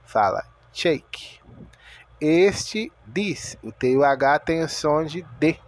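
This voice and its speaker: A man's voice: on the high side, lively intonation, slow, no room sound. A man giving a video lesson, patiently repeating each word and spelling out its sounds. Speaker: English teacher. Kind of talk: slow explanatory video lesson.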